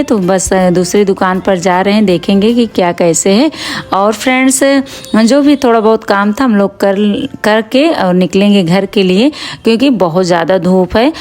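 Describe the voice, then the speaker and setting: Speaking over clips of her home, a middle-aged woman tells viewers about her day in a relaxed, chatty vlog style, treating them like friends. She has a medium pitch and a slightly mellow sound.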